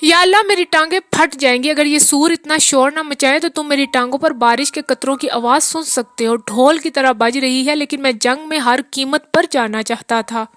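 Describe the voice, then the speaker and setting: A woman's voice: sits high, normal speed, hardly any pauses, fairly bright tone. A woman reading the part of a weary, peasant-born man who rambles through a long, rueful account of his hard years. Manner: long rambling confessional talk.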